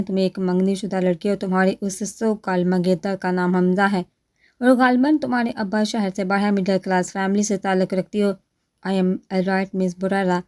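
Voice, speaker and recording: A woman's voice: medium pitch, dark tone, close to an everyday voice. A woman voicing a young man who makes cold, taunting threats over the phone in an audio novel. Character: menacing young man, anonymous threatening caller.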